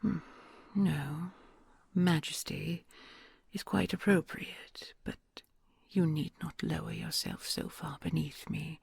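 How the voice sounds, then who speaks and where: In an audio roleplay, a woman with a low voice gives a heavily acted performance as a kind, solemn, lonely dragon queen. She whispers tenderly, soft and slow, in a whispery, gravelly voice using formal, old-fashioned courtly phrasing, on a dry recording.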